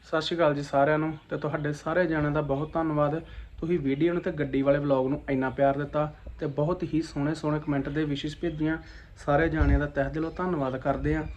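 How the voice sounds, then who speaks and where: A man's voice: fairly high pitch, quick pace, highs cut off, soft background music. A man hosting a channel, gratefully thanking viewers and asking them to share. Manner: grateful, steady. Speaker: channel host.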